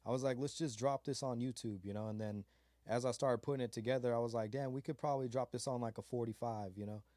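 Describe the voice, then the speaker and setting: This studio-quality, room-free clip captures a beat maker from the Mojave desert in California, an adult who has a child, in a casual interview. His medium-pitched voice is steady, fast and a little mellow, and his talk is loose and rambling, packed with fillers and slang.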